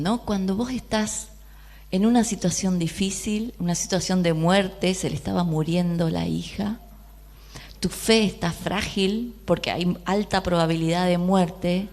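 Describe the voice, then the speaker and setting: A woman with a Rioplatense Argentine accent preaching a sermon, often asking the audience questions and briefly voicing the people in the story. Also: on the low side. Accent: Rioplatense Spanish. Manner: lively, questioning the audience, acting out quoted voices.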